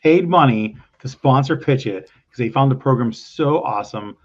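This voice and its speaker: A man who runs a pitch competition, chatting casually with enthusiastic, salesy energy. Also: lively intonation, normal speed, lo-fi sound. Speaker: event organizer. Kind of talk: casual conversation.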